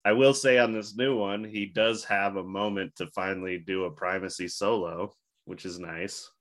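A man's voice: on the low side, steady tone, normal speed, fairly bright tone. A man hosting a podcast in a loose, rambling casual chat, with a bad case of the hiccups. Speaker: podcast host.

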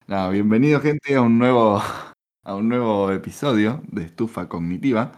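A man with a Rioplatense accent talks in a lowish voice, teasing his co-host and cursing freely. The tone is loose, casual podcast banter. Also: moderate pace, darkish tone. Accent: Rioplatense Spanish. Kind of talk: casual chat.

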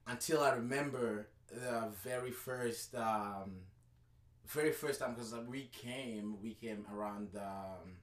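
A man's voice: medium pitch, takes it slowly. A man hosting a podcast, talking in a casual, upbeat and rambling way, full of fillers and restarts. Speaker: podcast host. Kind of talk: casual interview chat. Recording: roomy, distant mic.

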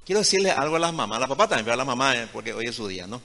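A man delivers a sermon in a sharp, bright voice, leaning hard on key phrases and pulling back to near-murmurs between them. The sound rings with the long reverb of a large hall. His delivery moves in waves from soft and close to loud and insistent. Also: mid-range voice, sing-song, rapid-fire, vocal fry. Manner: swings between hushed asides and loud emphatic preaching; retells conversations as acted dialogue. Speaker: pastor.

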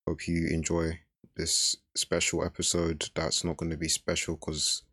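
A man co-hosting a casual podcast with a deadpan, mock-formal way of talking. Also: deep voice, a little slow, breathy edge. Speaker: podcast co-host.

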